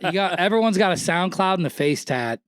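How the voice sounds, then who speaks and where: A man's voice: high-pitched, expressive, a little fast, clean tone, dry recording. A man co-hosting a casual comedy podcast, joking and acting out quotes in goofy voices. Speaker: podcast co-host.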